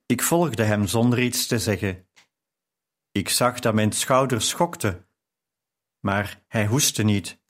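A man reading a novel aloud as a measured first-person narration. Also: on the low side. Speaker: audiobook narrator.

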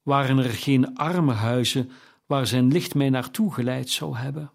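A man reading aloud and voicing the ghost of a dead business partner, mournful and lamenting in a slow, declamatory way. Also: mid-range voice, creaky.

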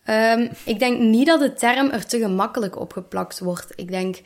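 A young woman from Limburg, a student answering interview questions in a relaxed, thoughtful way with many fillers. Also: on the high side, moderate pace. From Belgian Limburg. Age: 20s. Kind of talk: casual interview.

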